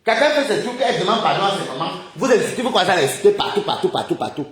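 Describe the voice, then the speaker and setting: A man's voice: high-pitched, big pitch swings, very fast, a bit bright. A man ranting indignantly on a casual live stream, firing off rhetorical questions and chuckling often. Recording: roomy echoey recording.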